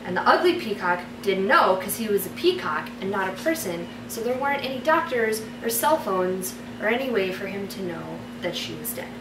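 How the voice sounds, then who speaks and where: Expressive and mid-range, her voice moves at a normal speed with few pauses as she chats playfully through a story to her viewers. The recording has room echo, a distant mic, and background noise.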